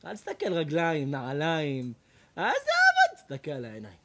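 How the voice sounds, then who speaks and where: A man, a rabbi, giving an animated sermon, loud, repetitive and mocking. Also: fairly high pitch. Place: lecture hall.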